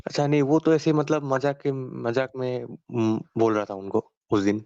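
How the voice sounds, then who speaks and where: A man's voice: medium pitch, fairly even intonation, darkish tone, clear, resonant tone, dry recording. A man putting questions to a debate host, hesitant and often correcting himself mid-sentence. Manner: hesitant, self-correcting, many fillers. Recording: dull dry lo-fi sound.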